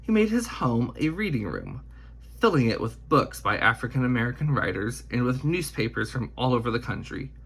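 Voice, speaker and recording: Reading a children's biography aloud with expression, a man uses a husky, medium-pitched voice that creaks gravelly at the edges. His intonation swings widely, yet his phrasing stays measured and deliberate.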